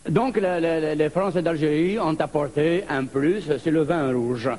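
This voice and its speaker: A high-voiced man from Algeria doing a stand-up routine on stage. He tells his story with lively energy, and faint noise runs behind him. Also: moderate pace. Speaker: stand-up comedian. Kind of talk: stand-up comedy monologue.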